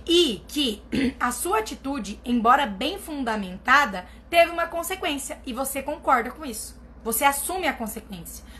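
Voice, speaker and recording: A woman's voice: high voice, lively intonation, moderate pace, hardly any pauses, fairly bright tone, slight background noise. A woman therapist giving blunt, emphatic advice in a casual chat, often repeating herself for stress. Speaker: family constellation therapist answering viewer questions. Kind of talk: casual live advice reading comments.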